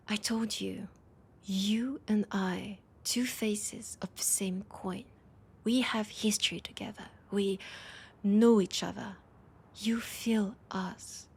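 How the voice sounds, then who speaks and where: A gravelly, medium-pitched voice with a breathy edge and an exaggerated delivery portrays a proud, anxious vampire from a supernatural council. The performer is a French-accented woman in an intimate audio roleplay, speaking in an earnest, faltering way that sounds reluctant and pleading.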